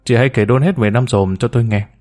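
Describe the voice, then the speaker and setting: Narrator playing a composed male interrogator, quiet authority, gentle and measured, warm low tone. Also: close to an everyday voice. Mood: calm.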